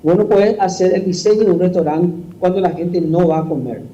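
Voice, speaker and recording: High, very dark-toned man explaining patiently. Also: fairly quick, highs cut off. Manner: patient lecturing, gives examples, keeps addressing the host by name. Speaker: transport official guest. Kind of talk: explanatory studio interview.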